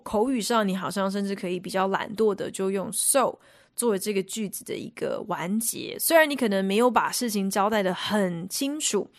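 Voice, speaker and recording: A woman's voice: mid-range voice, no room sound. A woman radio host giving a chatty, explanatory lesson on English phrases and films, recorded in a studio.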